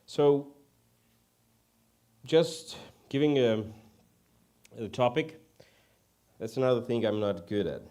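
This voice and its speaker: A Ukrainian guest preacher gives an informal sermon in English, his second language, with a Ukrainian accent. His delivery is halting and self-deprecating, with a medium pitch, lively intonation, and a warm tone.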